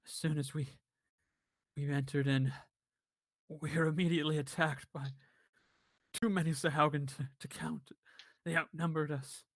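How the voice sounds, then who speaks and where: A man voicing a weak, emaciated male wizard held prisoner, speaking in a raspy, halting voice. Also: on the high side, dry recording. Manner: halting, broken-up speech.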